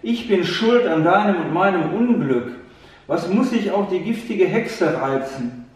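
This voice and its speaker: A man's voice: sits high, expressive, unhurried. A man voicing a bold young male hedgehog in a storybook tale, heard from a distant mic in an echoey room. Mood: sorrowful.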